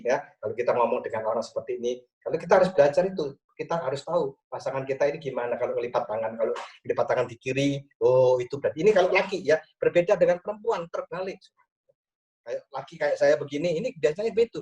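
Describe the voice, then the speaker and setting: A male pastor giving a lively church talk on marriage over a video call, with frequent "ya" tags. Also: medium pitch, far from the mic, muffled recording.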